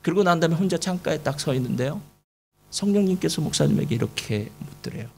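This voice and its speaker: Man, pastor, sermon, lively pitch, rhetorical questions, church service. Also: fast talker, creaky, slight background noise. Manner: animated storytelling with rhetorical questions to the congregation.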